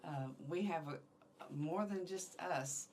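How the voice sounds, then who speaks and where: A woman in her seventies from Indiana speaks in a notably deep, low voice. She is agreeable and supportive in a casual interview, often chiming in to back up the others. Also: slow, darkish tone, a little hiss or hum. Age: 70s. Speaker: interview guest, community volunteer.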